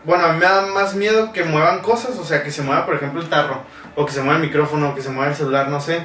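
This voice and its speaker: A man's voice: a little high, steady tone, very fast, sharp tone. A young man with a Mexican accent in casual chat, slangy and saying güey all the time. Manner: slangy, says güey constantly. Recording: echoey room, mic at a distance, faint noise.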